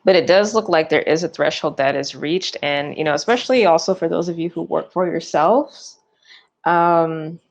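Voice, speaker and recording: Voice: mid-range voice, normal speed. A tarot reader giving a loose, chatty forecast, full of fillers and restarts and yawning often.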